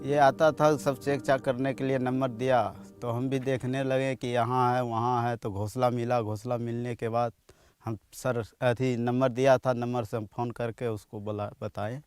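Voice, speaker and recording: A man's voice: medium pitch, level tone, very fast, a little mellow, smooth, no echo, faint music behind. A man with an Indian accent giving a casual interview account as a local fisherman.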